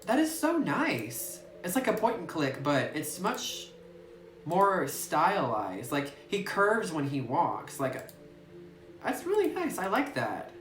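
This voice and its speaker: A gaming YouTuber speaks slowly in a lowish voice whose pitch swoops wildly, chatting and giggling as she plays and reads the game's text out loud. She muses aloud throughout, captured in a roomy phone recording with a faint hiss.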